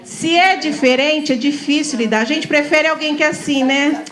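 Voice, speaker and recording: Speaking at a normal pace over crowd noise, a middle-aged woman from São Paulo, Brazil, addresses a room of teachers in a high, lively voice. Her lecture is informal and chatty, she laughs easily, and she keeps tossing the audience little questions to get their agreement.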